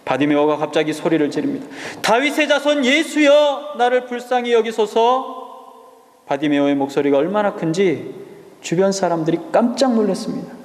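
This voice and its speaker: High-voiced preacher in a ringing hall. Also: male voice, a little mellow. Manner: emphatic, with rhetorical questions to the congregation. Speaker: pastor. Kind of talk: sermon. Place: church sanctuary. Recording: echoey church hall reverb.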